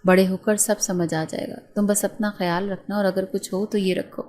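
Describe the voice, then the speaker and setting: A woman voicing a protective teenage boy who speaks softly and reassuringly. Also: mid-range voice, flat delivery, close to an everyday voice. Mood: tender. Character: protective teenage boy, gentle big brother.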